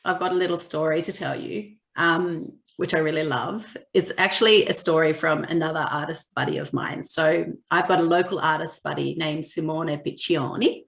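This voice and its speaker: Podcast co-host, woman, low voice with gravelly fry, chatty storyteller. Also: fairly even intonation, moderate pace, hardly any pauses, fairly bright tone, reverberant. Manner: chatty storyteller, acts out quoted lines. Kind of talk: casual chat.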